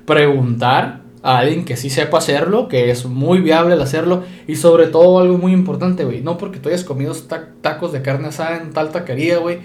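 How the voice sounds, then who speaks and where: A man with a Mexican accent hosts a loose, casual chat, leaning on street slang and filler at every turn. His voice is a touch high for a man. The sound is echoey, with faint background noise. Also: brisk, few pauses, a little mellow. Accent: Mexican Spanish. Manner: slangy, peppers every phrase with "güey", laughs often. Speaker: podcast host.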